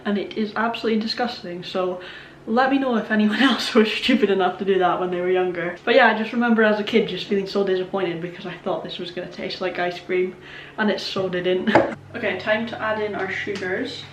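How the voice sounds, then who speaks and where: She's a Scottish vlogger in her twenties, baking in her kitchen and chatting in a rambling, self-mocking way with lots of ums and likes. Her pitch is medium. Because the camera sits away from her, she's far from the mic, the kitchen echoes, and there's a little hiss or hum.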